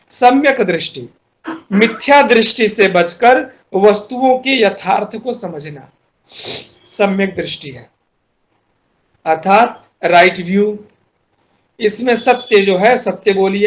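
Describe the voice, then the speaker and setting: A man with an Indian accent giving a classroom lecture as a university teacher, explaining step by step and putting questions to his students. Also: sits high.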